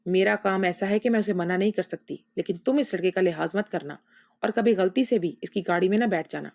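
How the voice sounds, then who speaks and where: A woman's voice: mid-range voice, gravelly, darkish tone. A woman voicing a worried, stern middle-aged mother who talks firmly in a storybook reading. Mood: stern warning.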